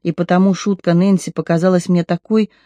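An audiobook narrator reading a first-person story in a measured, expressive way. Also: mid-range voice, no room sound.

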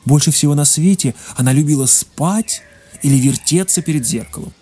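Mellow storybook narrator. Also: mid-range voice, normal speed, slightly rough.

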